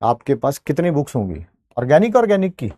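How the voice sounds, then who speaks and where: A man's voice: medium pitch, very animated, a little fast, dark tone. A man with an Indian accent teaching an online chemistry class in a chatty way, talking straight to his students and mixing in English terms.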